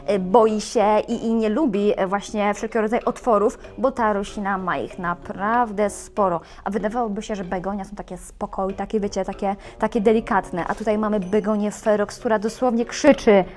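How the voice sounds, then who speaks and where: A woman hosting a plant shop video, talking in a playful, chatty and animated way. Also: mid-range voice, moderate pace, hardly any pauses. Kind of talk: casual video presenting plants.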